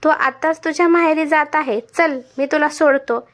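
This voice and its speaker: A woman's voice: high-pitched, steady tone, normal speed, natural voice. A woman voicing a stern young farmer husband. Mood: firm. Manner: stern, reproachful. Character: young farmer husband, patient but firm.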